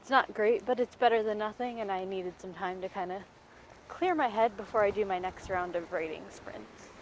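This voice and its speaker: A woman's voice: mid-range voice, normal speed, a little hiss or hum. A woman vlogger and teacher chatting casually in a talkative, self-deprecating way. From Florida. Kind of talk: casual vlog chat. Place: outdoors on a walking path.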